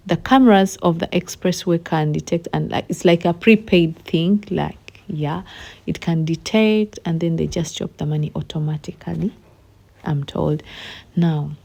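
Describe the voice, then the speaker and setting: Woman, young adult, travel vlogger, lowish warm voice, chatty, filmed on a phone in a car. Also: creaky. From Uganda. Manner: chatty and expressive, addresses viewers directly. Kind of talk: casual travel vlog. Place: inside a car on a city expressway.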